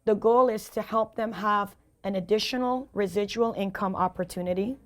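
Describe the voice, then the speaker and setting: Answering an interviewer's questions, a hoarse-voiced woman who coaches sales and leadership speaks with medium pitch and moderate speed. She's motivational and emphatic, frequently repeating her main points.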